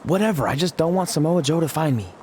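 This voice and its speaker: An actor playing a goofy, paranoid young male wrestler in a video game, excitable and jokey, mangling his words. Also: a little high, fast talker, slight background noise, close to an everyday voice.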